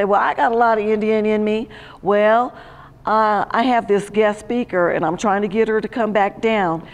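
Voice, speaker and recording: A middle-aged woman speaking emphatically about genealogy workshops, seated in a community center room. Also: mid-range voice. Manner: emphatic, preachy. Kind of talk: community talk. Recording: roomy hall echo.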